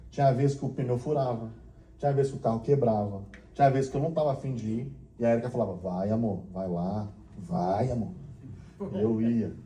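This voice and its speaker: Um pastor contando um testemunho na igreja, narrando com emoção e imitando as falas das pessoas da história, ora baixo, ora animado. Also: male voice, mid-range voice, fast, roomy sound, a little hiss or hum. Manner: storytelling, acting out dialogue, shifting from hushed to excited. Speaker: pastor and missionary. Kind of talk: testimony sermon. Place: church.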